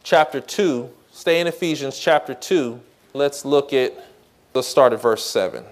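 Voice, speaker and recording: A man preaching a radio sermon, reading scripture slowly and asking the congregation questions. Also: medium pitch. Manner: repeats "guess what" and "you see", reads scripture slowly. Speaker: pastor.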